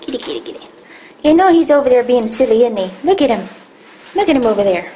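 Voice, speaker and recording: Woman, shelter volunteer type, casual and affectionate, talks to the cats in baby talk; slightly high voice. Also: sing-song, fast talker, warm tone, a little hiss or hum, low-quality recording. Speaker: shelter volunteer presenting a cat. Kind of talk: casual talk to a cat on camera. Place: animal shelter room with cages.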